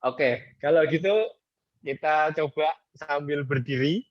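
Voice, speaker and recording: A man's voice: fairly high pitch, slow pace, dry recording. Guy leading an ice breaker over a video call, casual, chants the lines, dull dry sound. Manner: relaxed, chatty, demonstrates by chanting lyrics.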